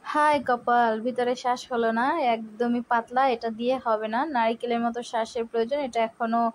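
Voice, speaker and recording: High-voiced chatty Bengali woman from Barishal. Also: monotone, brisk, a little hiss or hum. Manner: chatty, keeps saying "look here" to viewers. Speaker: cooking vlogger. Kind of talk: casual cooking demonstration. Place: home kitchen.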